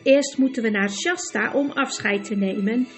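A woman's voice: on the high side, moderate pace, faint music behind, lightly acted. A woman doing a blunt, proud young girl.

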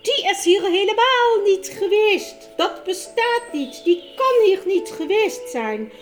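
A woman voicing a cruel, imperious witch queen who talks in a shrill, commanding voice, with music playing behind. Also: drawn-out words, exaggerated voice. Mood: furious. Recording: music bed behind the reading.

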